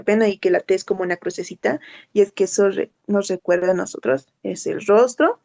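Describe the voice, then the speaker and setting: A woman English teacher in an online class, modeling words slowly and explaining pronunciation. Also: medium pitch, gravelly, warm tone. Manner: slow, drawn-out model words, switching to quick explanations.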